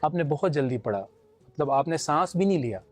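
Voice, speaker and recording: A man's voice: on the high side, animated, moderate pace, no echo, soft background music. A man with a Pakistani Urdu accent, judging a naat competition and explaining his points with homely examples and mild humor. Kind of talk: judge's critique.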